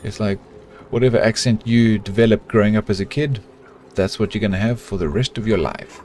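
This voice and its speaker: Speaking briskly in a lowish voice over slight background noise, this game streamer with a South African accent is middle-aged. He gives relaxed, chatty live commentary on a colony-building game, answering his chat and muttering to himself while he builds.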